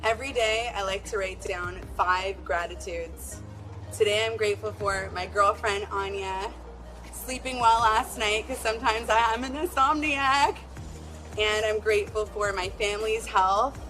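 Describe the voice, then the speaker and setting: A woman's voice: mid-range voice, fairly even intonation, measured pace, sharp tone, soft background music, low-quality recording. A woman from Canada cheerfully listing the things she is grateful for in a chatty, personal way. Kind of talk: personal sharing.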